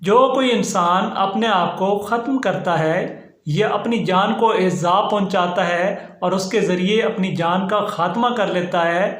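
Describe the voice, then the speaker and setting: Man, pronunciation teacher, high voice, unhurried delivery, echoey room. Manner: slow, repeats each word with careful stress. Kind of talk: explanatory lesson.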